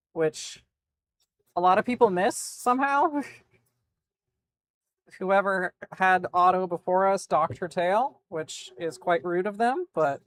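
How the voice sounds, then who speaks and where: A woman making props, chatting casually as she paints at her home workshop desk and slipping into high baby talk with her dogs. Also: no echo. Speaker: prop maker. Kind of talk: casual chat while painting. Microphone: phone used as webcam.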